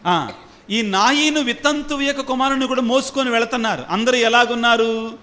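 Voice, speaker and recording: Speaking at a normal speed, a priest with a high, bright, ringing voice preaches in call-and-response fashion, quizzing his congregation again and again. English phrases slip in among his own words, and his voice fades into a long hall reverb.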